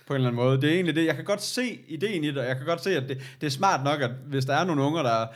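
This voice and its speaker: A man's voice: on the high side, expressive. A man co-hosting a podcast, talking casually and hesitantly, often repeating words as he searches for them. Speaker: podcast co-host. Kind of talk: casual chat.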